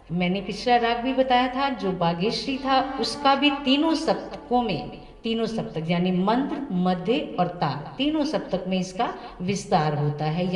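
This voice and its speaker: Speaking from a distance off the mic in a room with a long, echoing tail, a woman music teacher walks students through theory. Her mid-pitched voice stays patient, and she often asks a question and then answers it herself.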